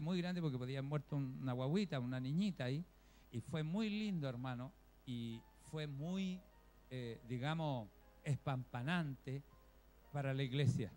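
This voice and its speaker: High-voiced Chilean preacher telling stories. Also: male voice, darkish tone. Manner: homely storytelling, often addresses listeners as brother. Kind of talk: conversational sermon.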